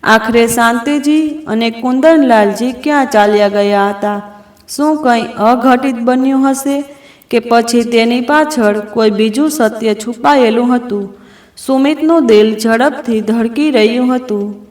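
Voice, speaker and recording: A woman's voice: on the high side, echoey room. A woman storyteller narrating a scripted family drama in a dramatic, suspenseful way.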